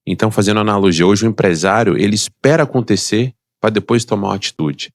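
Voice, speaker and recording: A middle-aged man with a Brazilian Portuguese accent tells his life story as a podcast guest, fast and emphatic. His voice has a gravelly rasp and sits at an ordinary pitch. The sound is close and dry. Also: no room sound. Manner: emphatic and motivational, acts out quoted voices. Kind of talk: personal storytelling in a podcast interview.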